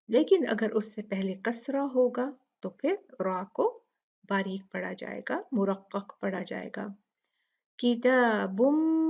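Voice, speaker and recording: Slow, patient female tajweed teacher, dull lo-fi sound. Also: a little high, a little mellow. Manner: patient, explains slowly and demonstrates each recited word. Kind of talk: step-by-step recitation lesson.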